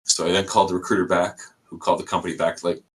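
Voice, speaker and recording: A young Canadian man with a low, rapid-fire voice and a Canadian accent guests on a podcast. He tells his story casually and with lots of energy, acting out the people he quotes.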